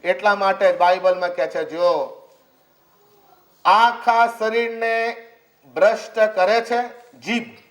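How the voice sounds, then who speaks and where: A man's voice: sits high, steady tone, slow pace, pauses often. A man preaching a sermon, telling a comic story and acting out its characters with laughing asides.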